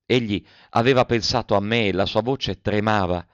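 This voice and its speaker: A man reading a first-person letter novel aloud with emotional, lingering delivery and soft pauses. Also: on the low side, no room sound. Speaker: audiobook reader. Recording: dull, dry lo-fi audiobook recording.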